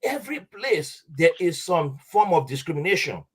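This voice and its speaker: A slightly rough male voice, a little high, at a moderate pace. He's a podcast guest with a Nigerian accent telling a casual story, animated, shifting into Pidgin and impersonating the voices in it.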